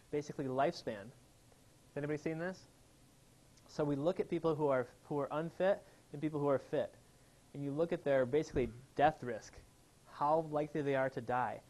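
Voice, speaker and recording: Heard on a rough recording, this man's voice is a little high with a darkish edge. As a chiropractor, he's giving a live, energetic health seminar and engaging the audience with questions.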